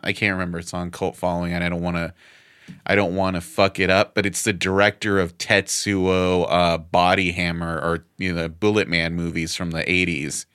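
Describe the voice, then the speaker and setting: A man reviewing the week's movies in casual talk-show chat. He speaks earnestly with stammered restarts. His very deep, smooth voice sounds bright and sits dry, right on the microphone. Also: flat delivery, normal speed, no echo. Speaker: film reviewer co-host.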